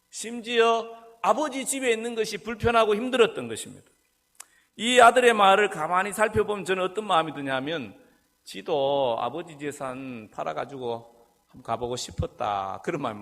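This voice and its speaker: A male pastor preaching a sermon, asking his listeners questions and answering them himself. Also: high-pitched. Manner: rhetorical questions, lively and animated. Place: church sanctuary. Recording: long church hall reverb.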